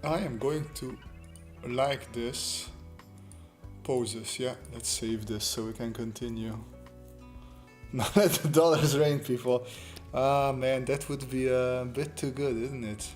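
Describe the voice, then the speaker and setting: A man's voice: medium pitch, slow, soft background music. A man chatting casually with viewers while he draws on a livestream, joking and laughing at himself. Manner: joking, self-deprecating, laughs often. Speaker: artist streaming a sketch session.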